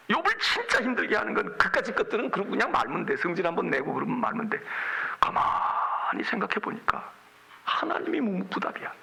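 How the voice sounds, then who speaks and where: A man's voice: high voice, creaky, sharp tone, breathy edge, poor audio. A middle-aged male pastor giving a sermon in a colloquial storytelling way, acting out the voices of the people he quotes.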